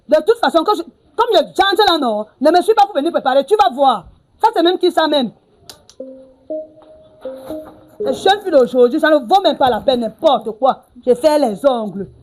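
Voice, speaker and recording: A high-pitched, nagging middle-aged mother from a film drama. She scolds without a pause and keeps throwing in "hein" and "ah bon". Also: lively intonation, darkish tone. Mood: indignant.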